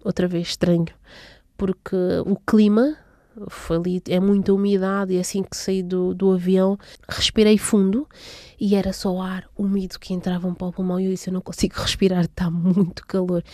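A woman's voice: medium pitch, level tone, moderate pace, dark tone, no room sound, studio quality. A young woman from São Tomé, recalling her childhood in an interview, hesitant with many fillers and restarts. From São Tomé and Príncipe. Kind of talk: casual personal recollection.

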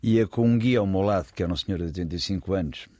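A man with a European Portuguese accent, appearing as a guest storyteller, races through a casual anecdote in a low, warm voice, rambling, correcting himself, and chuckling throughout. The recording is dry and clean, studio quality.

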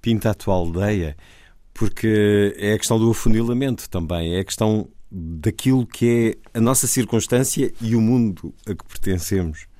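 A man with a European Portuguese accent, hosting a radio conversation about poetry, adding calm, brief remarks. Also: fairly low pitch, normal speed, dry recording, studio quality. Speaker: radio host.

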